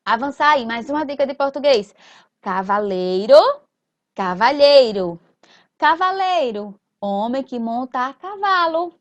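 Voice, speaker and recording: A woman teacher, explaining a lesson slowly, drawing out her words and often adding tag questions. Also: high voice, animated, a bit bright, highs cut off. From Sergipe, Brazil. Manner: slow, drawn-out and explanatory, with frequent tag questions. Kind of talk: recorded school lesson.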